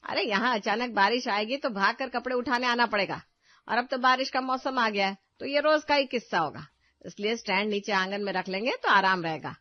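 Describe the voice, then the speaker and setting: A woman's voice: on the high side, brisk, no echo, natural voice. A woman voicing a bossy, practical middle-aged mother-in-law in a cartoon story, firm and scolding. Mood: instructing. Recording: dull dry voice-over with faint music.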